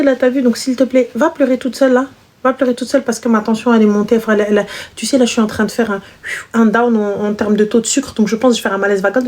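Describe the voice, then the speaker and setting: Lively woman hosting a casual live chat. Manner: animated, mixes French with Arabic and English, mocking shrill imitations. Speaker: live stream host.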